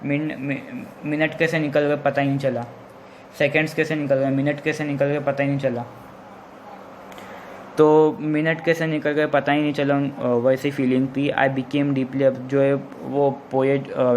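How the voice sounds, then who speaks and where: Man explaining a textbook in a flat voice. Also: medium pitch, a little hiss or hum, poor audio. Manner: explains line by line, rephrasing often with many fillers; reads English lines slowly and deliberately. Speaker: English teacher.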